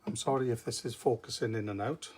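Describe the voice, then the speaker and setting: A man's voice: medium pitch, quick pace, breathy edge. A man with a Welsh accent giving a casual, informal craft tutorial, explaining step by step. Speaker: craft demonstrator. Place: indoor craft table. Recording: noticeable background noise with clicks.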